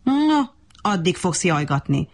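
A woman's voice: fairly low pitch, very animated. A woman voicing a boastful, arrogant male monkey in a storybook reading, mocking and bossy. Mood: haughty.

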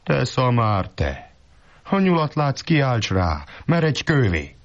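A man's voice: medium pitch, sing-song, pitched above the performer's own voice. A man voicing a scolding, impatient old peasant wife in a folk tale. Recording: dull lo-fi recording.

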